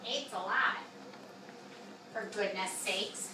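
A woman's voice: medium pitch, slow pace. A woman chatting casually off camera in a home, picked up by a camera's microphone. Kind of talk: casual chat. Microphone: camera mic picking up from a distance. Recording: echoey, distant from mic, noisy room.

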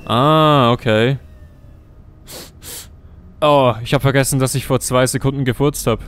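A man giving comedic let's-play commentary, joking and often squealing up in pitch. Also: fairly even intonation, unhurried, slight background noise. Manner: jokey, exaggerated, often squeals and jumps up in pitch. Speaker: gaming YouTuber.

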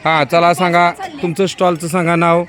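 A male school teacher touring an outdoor school market, briskly coaxing children with quick prompts. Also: a little high, level tone, fairly bright tone. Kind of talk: walking tour of a school market stall by stall. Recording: noisy crowd of children outdoors.

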